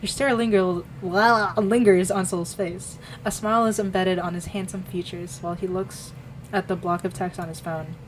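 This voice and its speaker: A woman's voice: on the low side, steady tone, normal speed, slight background noise, poor audio. A young woman streaming, reading a visual novel aloud in a casual way, often tripping over words and correcting herself with a laugh.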